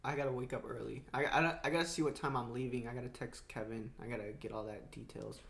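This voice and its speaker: A man's voice: mid-range voice, fairly even intonation, quick pace, creaky, fairly bright tone. A man hosting a podcast in casual chat, swearing freely in frat bro slang. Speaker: podcast host. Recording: noticeable background noise.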